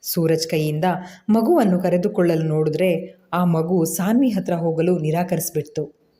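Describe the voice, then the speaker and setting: A woman narrating a serialized audio story in a steady, even storytelling manner. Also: fairly low pitch, normal speed.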